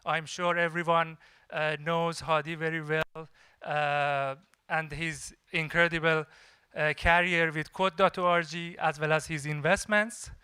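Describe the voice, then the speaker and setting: A man hosting a live event and introducing speakers in a halting, hesitant way with pauses. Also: on the high side, flat delivery, pushed and bright, clean tone, dry recording.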